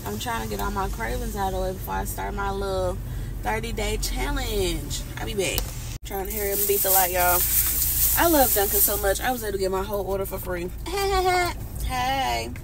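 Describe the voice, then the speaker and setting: A woman's voice: mid-range voice, moderate pace, creaky. A woman vlogging in a casual, upbeat way who keeps calling her viewers honey and y'all. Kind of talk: casual chatty vlog talk. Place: inside a car. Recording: car noise in the background.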